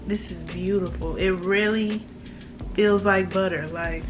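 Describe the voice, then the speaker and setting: A woman's voice: mid-range voice, fairly even intonation, unhurried, background noise. An American woman with a slight lisp from braces, giving a casual, slangy, emphatic review to camera as a beauty vlogger.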